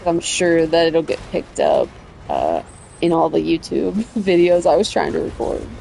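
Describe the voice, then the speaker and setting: A woman's voice: low-pitched, wildly swooping pitch, measured pace, creaky, dark tone, slight background noise. A woman chatting casually on a livestream while she plays a video game, rambling and self-correcting as she talks and laughing easily.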